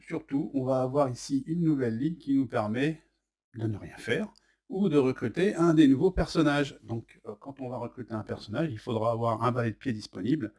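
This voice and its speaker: A man's voice: mid-range voice, a little mellow. A man with a French accent casually presenting and explaining a board game, chatty and hesitant, with many fillers. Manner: chatty, says "hop" as he flips cards. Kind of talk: casual unboxing and rules demo.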